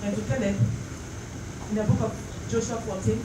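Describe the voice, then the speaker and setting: A woman's voice: mid-range voice, fairly even intonation, normal speed. A woman pastor delivering a fervent church sermon, using emphatic repetition and rhetorical questions to the congregation. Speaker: pastor preaching. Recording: roomy, distant mic, clearly noisy.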